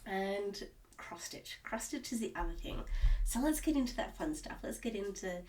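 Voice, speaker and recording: In an animated, mid-range voice at normal speed, she rambles to camera about cross-stitch from home, stuffed up while getting over an illness and full of restarts and fillers. The tone is darkish, the mic distant, and the rough recording carries slight background noise.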